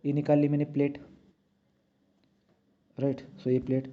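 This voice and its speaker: In an unhurried, completely flat delivery, a man with a fairly high voice teaches a drawing lesson, talking as he draws and often checking in with "right?" The recording sounds dull and lo-fi.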